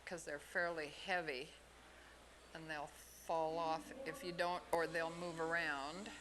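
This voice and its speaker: Slow-talking woman teaching fly tying. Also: low-pitched, flat delivery, background noise. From Oregon, USA. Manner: unhurried, plain instructional talk with pauses. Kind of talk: step-by-step demonstration. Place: expo hall.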